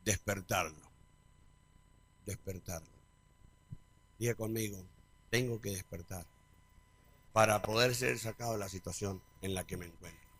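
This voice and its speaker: Bright-voiced preaching man. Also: lowish voice, moderate pace. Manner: call-and-response preaching, big swings in loudness. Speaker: pastor. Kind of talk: sermon.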